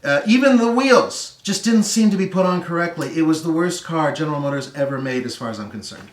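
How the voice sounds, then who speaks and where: A man's voice: on the high side, expressive, fairly quick. Man, middle-aged, casual car chat, dry asides, far mic. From California. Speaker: car show host. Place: carpeted living room, seated on the floor. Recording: roomy echo, distant mic.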